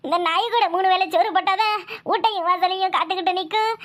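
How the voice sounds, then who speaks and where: A woman voicing a scheming village daughter-in-law in a cartoon, sobbing and lamenting loudly in a southern Tamil village dialect. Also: very high voice, fairly even intonation, a little fast. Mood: wailing lament. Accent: southern Tamil Nadu village dialect. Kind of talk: cartoon voice acting.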